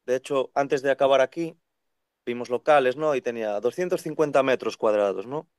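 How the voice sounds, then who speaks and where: A man in his thirties, a second-hand bookseller, chatting on a video call in an animated way, talking in long runs. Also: mid-range voice, a little fast, clean tone, no echo, clean studio sound. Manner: animated, talks in long runs and acts out quoted voices. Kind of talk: casual conversational interview. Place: bookshop with full shelves behind. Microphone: video call webcam.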